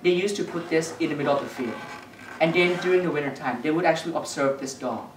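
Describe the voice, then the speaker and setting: A woman performing magic at a children's party talks quickly in a low voice, running through patter and instructions and putting questions to the children. It's recorded with a distant mic in an echoey room full of background noise.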